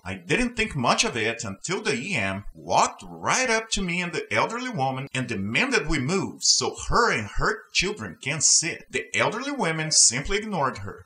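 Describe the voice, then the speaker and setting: Reading online stories aloud from a script, a man from Brazil adds his own emphatic, opinionated comments. He has a fairly high-pitched voice with a sharp tone.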